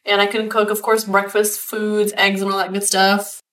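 A woman's voice: medium pitch, monotone, moderate pace, fairly bright tone. A woman with an American accent, chatty and giggly, co-hosting a casual podcast. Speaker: podcast co-host. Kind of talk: casual chat. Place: home living room.

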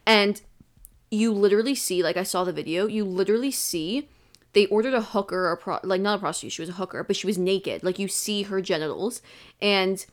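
A young woman from Canada talks loosely on a podcast. She rambles through stories full of fillers and swearing. Her pitch sits in the usual middle range. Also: a little fast. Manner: swearing, filler-heavy, chatty storytelling. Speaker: podcast co-host. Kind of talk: casual chat.

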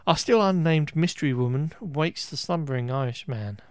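A fairly high, expressive male voice, clear and resonant, comes through at normal speed with no echo. He hosts a podcast and recaps a film casually and at length, sounding wry and exasperated, restarting himself and cursing occasionally.

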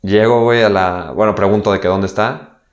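A man's voice: fairly low pitch, steady tone, fairly quick. A young man with a Mexican accent telling a personal story in a candid, slangy way, acting out the dialogue he quotes. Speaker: guest.

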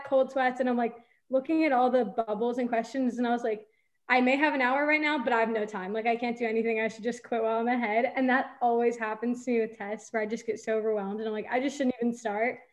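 A teenage girl with a fairly high voice, a guest on a student podcast. She strings her story together quickly, leaning heavily on "like.". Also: steady tone. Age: teens. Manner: breathless, filler-heavy storytelling. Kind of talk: casual chat.

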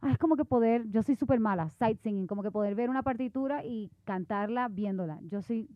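Una mujer de Puerto Rico con acento puertorriqueño, que conversa animada y entre risas, mezclando palabras en inglés. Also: female voice, on the high side, fairly quick, dry recording. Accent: Puerto Rican Spanish. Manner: lively, laughing, mixes in English words. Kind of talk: casual chat. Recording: phone-like, dry sound.

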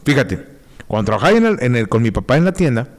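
Monterrey guy spinning funny stories, lots of slang, average pitch. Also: fast. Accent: northern Mexican, Monterrey. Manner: slangy, animated, acts out quotes. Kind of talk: casual storytelling.

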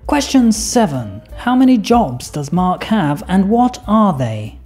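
Mellow woman reading quiz questions. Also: medium pitch, very animated, takes it slowly, soft background music. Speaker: quiz presenter. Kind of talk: reading listening-exercise questions.

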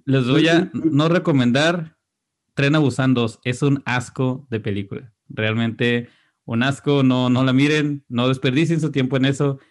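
A man's voice: medium pitch, fairly even intonation, measured pace. A Mexican man hosting a casual podcast, laid-back and swearing freely as he talks about films. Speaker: podcast host.

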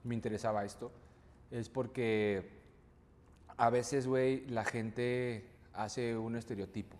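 A man's voice: medium pitch, steady tone, takes it slowly, a little mellow. Slangy Mexican man, roomy reverb. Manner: slangy, swears freely, ends phrases with "güey". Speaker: guest, business owner. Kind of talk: casual podcast chat. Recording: hall reverb, faint room noise.

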